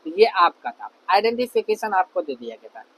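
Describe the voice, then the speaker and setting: A man's voice: high voice, very animated, normal speed, creaky, fairly bright tone, rough recording. A man teaching an online grammar lesson, often checking in with "है ना" and asking questions. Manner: repeats "है ना" and asks questions to check understanding.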